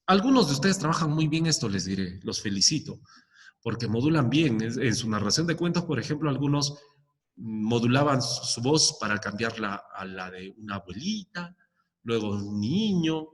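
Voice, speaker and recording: Teacher checking in with "¿ya?". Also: male voice, medium pitch, expressive, normal speed, long reverb tail. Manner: explains with many rhetorical questions and "¿ya?" checks. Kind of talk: recorded lesson to students.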